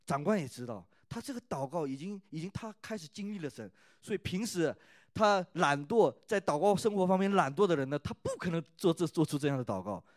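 A man's voice: fairly high pitch, animated, brisk, no room sound, clean studio sound. A man preaching at a youth church service, who keeps asking the listeners "right?" and retells scripture in a conversational tone. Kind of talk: sermon.

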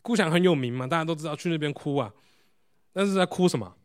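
Questioning male preacher, slightly high voice. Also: quick pace, clear, resonant tone. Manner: asks the congregation rhetorical questions; explains while showing photos. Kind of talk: sermon.

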